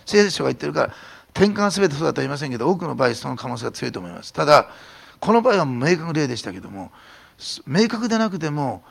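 A man preaching a sermon as a pastor, telling stories in an animated way and sometimes dropping to a whisper. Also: on the high side, creaky, slightly rough. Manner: animated storytelling, drops to a whisper at times.

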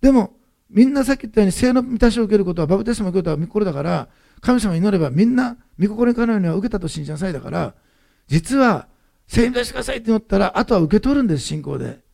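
A man pastor, giving an animated, emphatic sermon that repeats key phrases. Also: high voice, very fast, vocal fry.

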